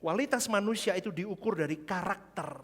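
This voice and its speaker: A male pastor preaching a sermon, swinging between loud emphatic calls and hushed asides. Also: high-pitched, moderate pace. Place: church sanctuary. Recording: long church-hall reverb with faint music.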